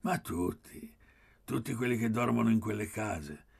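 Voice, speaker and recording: A man's voice: fairly low pitch, vocal fry, husky, voice pushed up, exaggerated voice. A man doing a languid, whispering rich young man. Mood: hushed, languid. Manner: hushed, slow, half-whispered delivery. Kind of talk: audiobook character voice.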